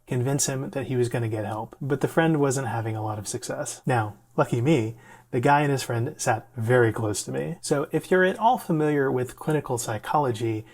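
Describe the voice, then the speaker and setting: A man's voice: mid-range voice, a little fast. A man telling a personal story in a conversational, self-deprecating way, with the odd laugh. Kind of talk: storytelling vlog.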